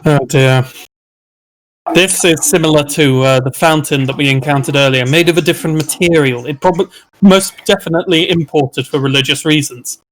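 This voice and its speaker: A man's voice: a little high, fairly quick, a bit bright, poor audio. A man playing a tabletop game, speaking in character in a scholarly, musing way. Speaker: player.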